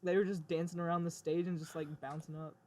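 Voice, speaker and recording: A man on a casual podcast, recalling a story in an easygoing, halting way. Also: on the high side, level tone. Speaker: podcast co-host. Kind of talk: casual chat.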